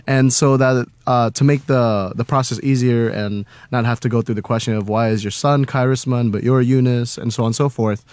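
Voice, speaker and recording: A man's voice: medium pitch, fairly even intonation, fairly quick, hardly any pauses, darkish tone, clean tone, dry recording. Chatty young man from Indonesia. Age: young adult. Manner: chatty, laughing, lots of fillers. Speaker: guest, college student and slam poet. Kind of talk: casual interview chat. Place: radio studio.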